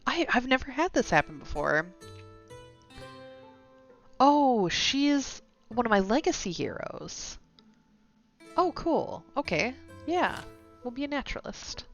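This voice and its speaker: A streaming woman with a medium-pitched, slightly bright voice reads out a game's narrative with a few stumbles, breaking off for asides to her audience. The sound is dull and lo-fi, with the game's music in the background.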